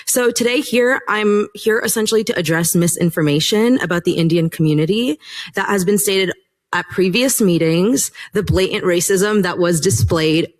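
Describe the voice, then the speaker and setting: A speaker delivers a firm, formal prepared statement at a city council meeting. The voice sits at a middle pitch and keeps a steady, measured delivery. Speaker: public commenter.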